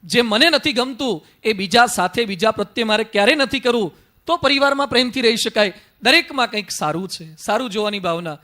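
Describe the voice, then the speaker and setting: A male monk preaching a devotional sermon in a high, bright, ringing voice. He is emphatic and drives his points home with rhetorical questions. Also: expressive, a little fast.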